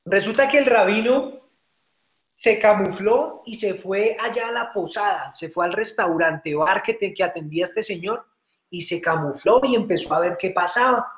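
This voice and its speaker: A male preacher tells a story to his congregation in an animated way, speaking straight to them. The audio is muffled and echoes through a large hall. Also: high-pitched, moderate pace. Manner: animated storyteller, addresses audience directly. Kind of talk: storytelling sermon. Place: hall with microphones. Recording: roomy, dull hall audio.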